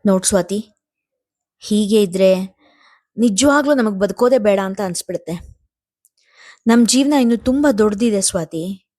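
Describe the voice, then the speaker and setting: A woman's voice: medium pitch, normal speed, long pauses, a little mellow, no echo, studio quality, lightly acted. A woman reading a family storybook, voicing a young father who speaks in a firm, clipped way. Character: stern young father, harsh and resolute.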